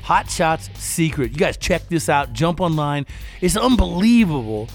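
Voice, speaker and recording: A man co-hosting a car podcast, chatty and energetic, hyping up his guest. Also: fairly high pitch, a little slow, gravelly, soft background music. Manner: energetic, hypes the guest with sing-song show intros. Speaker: podcast co-host. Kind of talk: casual podcast chat.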